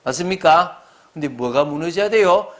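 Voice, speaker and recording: Lively high-voiced Korean pastor preaching. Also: male voice, moderate pace. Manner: emphatic preaching with frequent questions to the congregation. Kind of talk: sermon.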